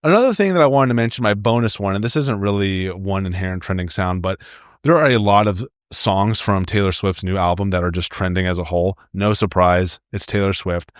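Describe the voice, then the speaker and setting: A young man hosts a solo advice podcast, talking straight to his listeners in a friendly, upbeat way. His voice sits fairly low. It sounds dry and close, with no room echo. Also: a little fast, clean tone. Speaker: podcast host.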